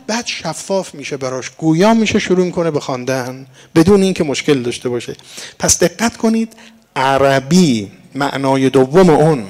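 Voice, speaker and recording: A man's voice: fairly high pitch, a little mellow. A man preaching a sermon in a teaching manner, speaking to his listeners as dear friends and reciting verse along the way. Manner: explanatory, addresses listeners as dear ones, recites verse and Arabic.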